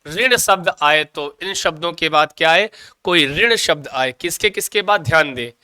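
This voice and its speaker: In an exam coaching lecture, a man teaches Sanskrit grammar, posing questions, answering them himself and repeating the answers often, while addressing students as "bhaiya" and "ji." His voice is a little high, bright, forceful and smooth, at a normal speed with no room sound.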